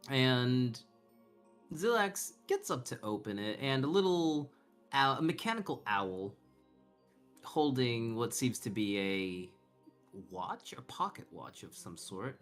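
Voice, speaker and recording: Animated man running a tabletop game. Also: medium pitch. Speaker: game master. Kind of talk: narrating an online tabletop game, casual banter. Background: background music.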